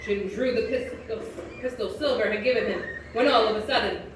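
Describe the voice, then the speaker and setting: A woman narrating a live stage show, telling the story in a steady way. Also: on the high side, brisk. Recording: echoey hall from far off, loud music behind.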